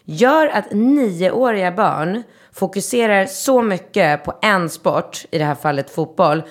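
A woman in her thirties from Sweden, co-hosting a casual chat and telling stories with animated, loud acted-out quotes. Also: mid-range voice. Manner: lively storyteller, acts out quotes loudly. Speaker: podcast co-host.

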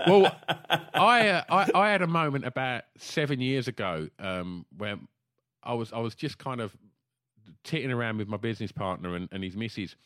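A man's voice: mid-range voice, lively intonation, moderate pace, fairly bright tone, no room sound, clean studio sound. A man, chatting as a podcast guest over a video call. He rambles, swears freely and laughs through his stories. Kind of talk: casual chat. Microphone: remote video call.

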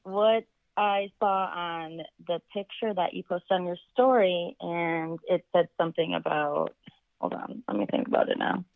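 A woman's voice: fairly low pitch, fairly even intonation, a little slow, vocal fry, no room sound. A woman calling in over the phone, chatting casually and hesitantly with lots of fillers. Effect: heard over the phone. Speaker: caller. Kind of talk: casual chat. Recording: dull muffled phone line.

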